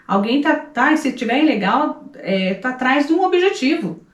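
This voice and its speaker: A woman's voice: high voice, very animated, moderate pace, muffled recording. Emphatic Brazilian woman, echoey room. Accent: Brazilian Portuguese. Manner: emphatic, repeats her points. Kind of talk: casual chat.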